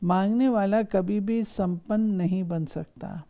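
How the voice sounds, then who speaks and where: Dark-voiced woman reading a sermon. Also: mid-range voice. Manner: measured, instructive, rhetorical questions. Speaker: reader of spiritual discourse. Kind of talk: reading a spiritual discourse aloud.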